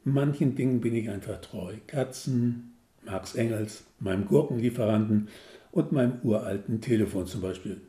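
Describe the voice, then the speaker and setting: A man's voice: medium pitch, normal speed, mellow. A man in his sixties reading his own humorous story aloud in a wry, self-mocking way. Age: 60s. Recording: roomy echo.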